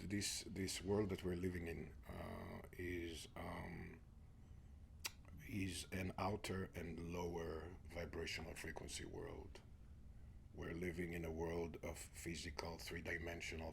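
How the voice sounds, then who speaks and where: Man from Israel, very low voice, soft-spoken, near-whispered stretches, faint room ambience behind. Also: gravelly, slight background noise. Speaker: guest, spiritual teacher. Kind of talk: reflective interview talk.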